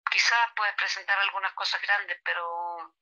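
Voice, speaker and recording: A middle-aged Chilean woman artist, chatting casually and warmly in a remote interview with a Chilean accent, laughing easily. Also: mid-range voice, steady tone, moderate pace, dull audio. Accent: Chilean Spanish. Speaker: artist guest.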